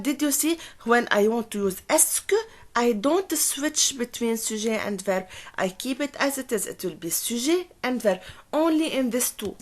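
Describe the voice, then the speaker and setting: Slow, high-voiced woman teaching French. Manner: explains patiently, switching between French and English, repeating key words. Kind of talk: classroom grammar explanation.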